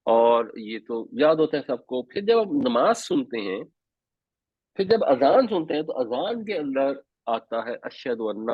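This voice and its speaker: A man teaches Quran commentary and Arabic grammar, explaining step by step and slipping English words into his Urdu. His voice sits at an ordinary middle pitch. The sound is dry and narrow, like a phone line. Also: husky, no room sound. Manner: patient explaining, mixes English terms into Urdu.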